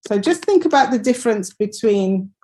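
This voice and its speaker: A woman's voice: a little high, expressive, moderate pace, dark tone. A woman teaching English pronunciation in an online lesson over a computer mic, hesitant, with many fillers and restarts.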